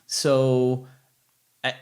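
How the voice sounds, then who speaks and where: A man's voice: mid-range voice, completely flat delivery, drawn-out words, darkish tone. A man speaking candidly and reflectively as a guest in a casual conversational interview.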